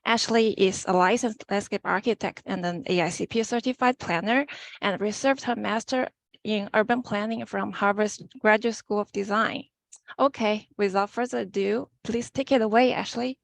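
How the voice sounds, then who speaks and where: A woman with a gravelly edge to her voice reads a formal guest introduction for a webinar. She sounds dry and close to the mic, as on a video call. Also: medium pitch, steady tone, moderate pace, dry recording. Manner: formal, read from notes. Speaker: moderator introducing speaker. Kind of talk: reading a speaker introduction.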